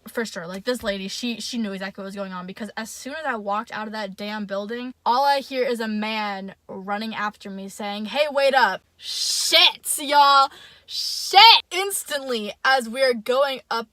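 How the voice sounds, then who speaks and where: Bright-voiced young woman telling a story. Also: medium pitch, normal speed, few pauses, no echo. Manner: chatty, filler-heavy, swears freely, addresses viewers directly. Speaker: vlogger. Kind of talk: casual storytime chat.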